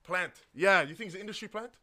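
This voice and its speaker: A man's voice: high-pitched, fast talker, sharp tone. A man co-hosting a casual podcast, slangy and profane, repeating himself and checking that others agree. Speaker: podcast co-host. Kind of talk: casual chat.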